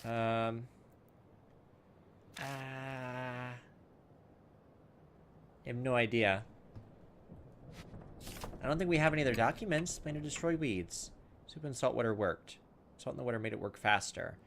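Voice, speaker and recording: A man doing let's play commentary reads the game's story text aloud with drama, breaking in now and then with playful asides. His medium-pitched voice is creaky and fairly bright, his pace measured with long pauses, and a little hiss or hum can be heard.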